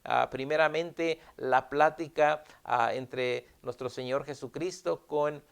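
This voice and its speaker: A male pastor preaching a sermon in an earnest tone, repeating key phrases and pausing with "ah". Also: a little high, vocal fry, clear, resonant tone.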